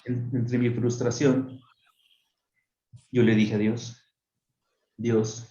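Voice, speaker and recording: A friar being interviewed on a radio program, telling a personal testimony with lively, acted-out voices. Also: male voice, mid-range voice, slow pace, reverberant, muffled recording, a little hiss or hum. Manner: animated storyteller who acts out voices. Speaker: friar telling his story. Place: radio studio.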